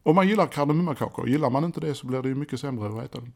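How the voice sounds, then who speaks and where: A middle-aged podcast host talks alone at his desk into a microphone by his computer, rambling cheerfully, joking at his own expense and restarting sentences often. His middling-pitched voice is gravelly with a darkish tone.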